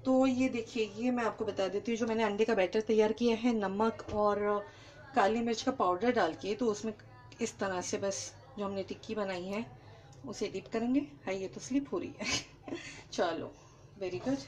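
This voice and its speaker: A woman's voice: medium pitch, moderate pace, a little mellow, a little hiss or hum, low-quality recording. A woman hosting a live cooking demonstration, chatting with viewers and greeting them by name as she cooks in a kitchen. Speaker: cooking host. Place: home kitchen.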